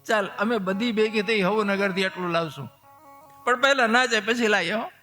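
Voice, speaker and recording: A man's voice: sits high, normal speed, bright, forceful tone, faint music behind. A male storyteller voicing a group of playful young milkmaids teasing a child in a devotional tale.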